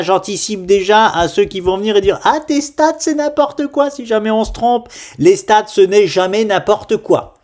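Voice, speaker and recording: A man from France hosting an investing channel, giving casual, animated market commentary and talking straight to his viewers. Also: fairly high pitch. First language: French. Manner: animated, ranting, direct address to viewers.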